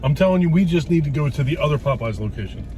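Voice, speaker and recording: A man's voice: fairly high pitch, animated, fast talker, warm tone, soft background music. A man rambling casually to a camera in a car, chewing food as he talks, profane and teasing. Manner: chewing while talking, eating as he speaks. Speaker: vlog host. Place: inside a car.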